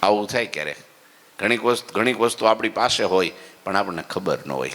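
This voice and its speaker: A man preaching a devotional story sermon in a temple hall, swinging between loud exclamations and low asides and checking in with listeners. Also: expressive, fairly quick.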